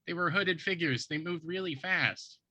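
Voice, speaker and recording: A man puts on a small halfling cook for a tabletop game. The voice is raised well up and bright, with a halting, nervous earnestness. It is recorded dry. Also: fairly high pitch, no room sound, voice pushed up. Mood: nervous, earnest.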